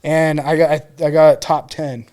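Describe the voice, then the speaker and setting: A man's voice: on the high side, level tone, a little slow, darkish tone. A male police officer telling academy stories in casual conversation, rambling with lots of fillers. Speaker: police officer, interview guest.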